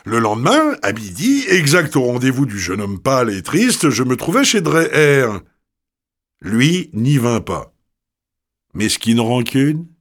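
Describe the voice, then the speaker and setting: A man reads a story aloud with wry, expressive delivery. His voice sits at a middle pitch but swings freely up and down. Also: a little slow.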